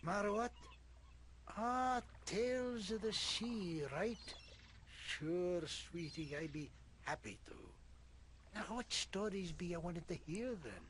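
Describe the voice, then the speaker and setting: An actor playing a gruff old fisherman in a video game, a grumpy storyteller with rustic sailor speech and a soft, relaxing voice. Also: high voice, expressive, slow pace, slight background noise, full character voice. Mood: wistful, yarning. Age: older. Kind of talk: video game character acting.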